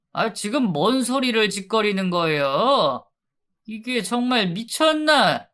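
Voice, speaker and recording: Drunk belligerent husband, yelling insults, played by a woman narrator, clear bright voice. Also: a little high, pitched above the performer's own voice, full character voice. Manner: shouting, insulting.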